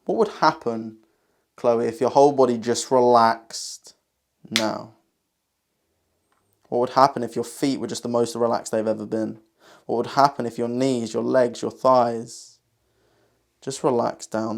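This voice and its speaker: Slow, soothing male hypnotist. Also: medium pitch, steady tone, vocal fry. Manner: slow soothing hypnotist delivery, repetitive, with pauses. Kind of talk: hypnotic induction, guided relaxation.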